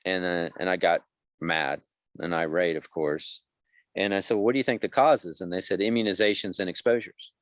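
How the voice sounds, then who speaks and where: Man, fifties, deep voice, dry studio sound, frank storyteller voicing other people's lines. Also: brisk, dry recording. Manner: candid storytelling, acts out quoted dialogue. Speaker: guest. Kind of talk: conversational podcast interview.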